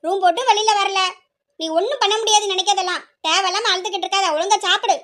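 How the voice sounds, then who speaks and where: A woman voicing a stern, scheming middle-aged aunt with a sharp, scolding way of talking. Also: very high-pitched, steady tone, fast. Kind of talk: hobby audio drama.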